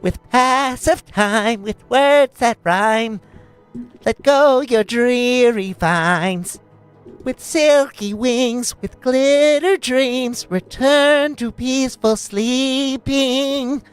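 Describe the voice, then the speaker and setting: A man voicing a tiny dragonfly-winged female pixie who sings slow, lilting verses. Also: high-pitched, clean tone, soft background music, voice pushed up. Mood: dreamy.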